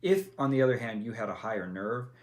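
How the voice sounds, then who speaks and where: A man talks fast and very animatedly in a medium-pitched, slightly mellow voice. He's a game master patiently laying out the rules of tabletop character creation for a player, step by step, with plenty of fillers and self-corrections along the way.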